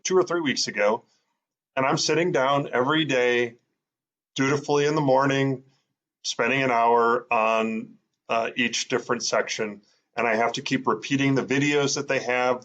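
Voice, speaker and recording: In a lo-fi recording, a man with a mid-range, slightly bright voice teaches a casual lesson. He thinks aloud and fills the gaps with lots of fillers while sounding out words.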